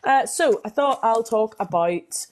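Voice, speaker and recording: A woman's voice: fairly high pitch, animated, darkish tone. Young woman co-host, casual and teasing, trips over her words and laughs at herself. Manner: playful, self-mocking, quick restarts. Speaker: podcast co-host. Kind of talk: casual chat.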